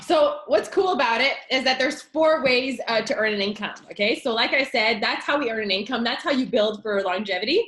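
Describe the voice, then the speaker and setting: A woman pitching her network marketing business in an excited, chatty way, with many fillers. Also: brisk, few pauses. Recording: echoey room.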